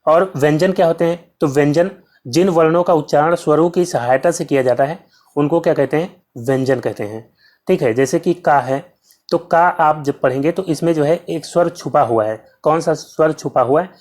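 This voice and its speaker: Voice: mid-range voice, a little mellow. A Hindi teacher giving an exam-prep lesson, drilling points by asking questions and answering them, with the filler "जो है" in almost every sentence. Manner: heavy use of filler "जो है".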